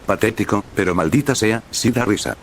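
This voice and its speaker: A man's voice: fairly low pitch, a little fast, slight background noise, natural voice. A man voicing a scornful young male villain with a mocking, dismissive manner.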